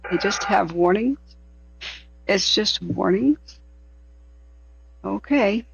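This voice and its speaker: A man with a notably high voice talks casually as a livestream host. The sound is slightly dull and lo-fi, and the commentary is loose and unscripted. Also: slow, vocal fry, a little hiss or hum. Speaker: livestream host monitoring fire scanners.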